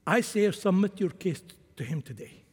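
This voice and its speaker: A man's voice: high voice, animated, normal speed, darkish tone, husky. A man who grew up in Syria, preaching a sermon with impassioned swings in volume. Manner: impassioned, rising and falling volume. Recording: long hall reverb.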